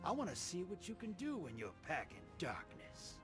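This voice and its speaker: A rough, laid-back gambler. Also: male voice, high-pitched, huge pitch swings, moderate pace. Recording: game cutscene with music underneath.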